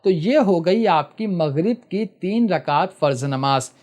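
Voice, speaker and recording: A man's voice: high-pitched, expressive, darkish tone. Patient man teaching prayer steps. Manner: patient, repeatedly tells listeners to listen carefully; switches to slow chanted recitation for prayer texts. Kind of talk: step-by-step spoken instruction.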